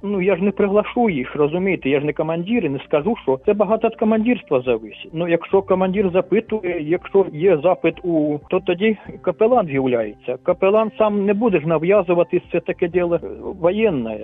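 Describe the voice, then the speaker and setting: A man calling in to a radio show, speaking haltingly with many restarts as he recalls his military service. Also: high voice, lively intonation, breathy edge. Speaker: radio caller, former soldier. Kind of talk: phone call-in testimony. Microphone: phone. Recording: tinny phone line, faint music.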